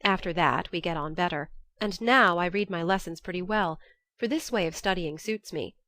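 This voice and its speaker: An audiobook narrator reads a classic novel in the first person with a measured, expressive delivery. Her slightly low voice is captured very close and dry, with no room sound at all.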